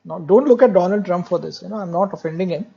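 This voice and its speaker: High-voiced, male medical lecturer. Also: fast talker, gravelly, mellow, husky, muffled recording. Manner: jokey, explanatory, repeats key points. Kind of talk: classroom lecture.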